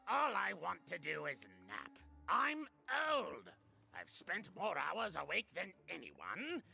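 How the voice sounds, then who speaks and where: An actor playing a cranky, sleep-deprived old man in a video game, raspy and grumbling, easily bursting into outrage. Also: fairly high pitch, bright, forceful tone, exaggerated voice. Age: older. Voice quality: creaky, raspy. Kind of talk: video game character acting.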